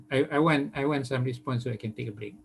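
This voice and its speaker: A man's voice: medium pitch, brisk, creaky, noisy background. A male university lecturer giving an online lecture on a video call, hesitant with many fillers, who is losing his voice.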